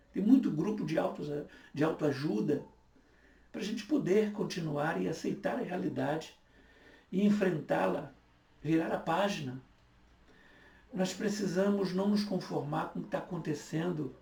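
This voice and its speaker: A pastor in his fifties preaches a sermon, urging his listeners on earnestly and repeating himself often. His voice is on the high side, creaky and somewhat dark, and it sounds distant in an echoey room.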